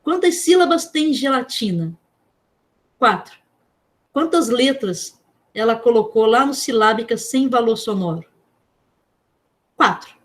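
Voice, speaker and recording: A woman with a Brazilian Portuguese accent teaching a class. She explains step by step, asks questions and spells out letters slowly. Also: fairly high pitch, expressive. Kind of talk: online class lecture.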